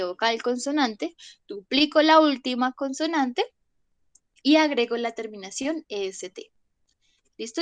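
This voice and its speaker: Slow, patient woman teacher. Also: on the high side, no echo. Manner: patient, checks understanding with frequent "listo?". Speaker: English teacher. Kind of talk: online class explaining grammar.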